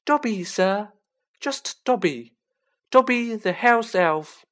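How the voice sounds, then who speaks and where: A tiny male house elf from a storybook, acted out by a woman, with a very high, squeaky voice that swoops about. He is earnest, deferential and easily anguished, speaking of himself in the third person. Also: animated, slow pace. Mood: awed, eager.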